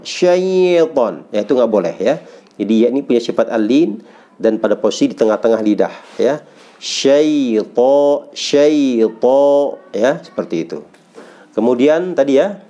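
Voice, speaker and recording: Mellow-voiced Indonesian man teaching pronunciation. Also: medium pitch. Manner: patient, repeats syllables slowly for learners. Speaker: Quran recitation teacher. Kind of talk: relaxed teaching of Arabic letter sounds.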